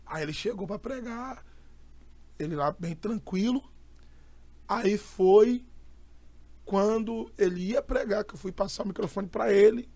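A young Brazilian man, an itinerant preacher, telling a story in an animated, emphatic way. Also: sits high, measured pace, pauses often, no echo. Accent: Brazilian Portuguese. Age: young adult. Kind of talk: casual storytelling chat.

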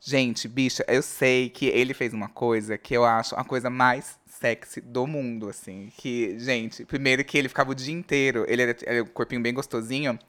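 A man telling a lively, slangy personal story in a casual chat. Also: medium pitch, moderate pace, hardly any pauses.

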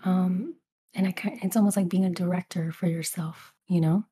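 Soft whispering woman, mellow and breathy. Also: fairly low pitch, steady tone, normal speed. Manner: mostly whispering, with fillers like "like" and "you know". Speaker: ASMR video creator, interview guest. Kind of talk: casual interview answers.

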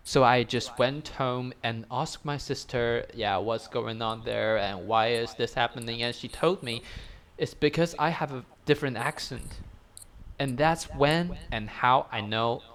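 A man from Taiwan speaking English with a British-influenced accent, a guest in a casual interview chat, using simple phrasing and pausing to search for words. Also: medium pitch, fairly bright tone. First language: Taiwanese Mandarin.

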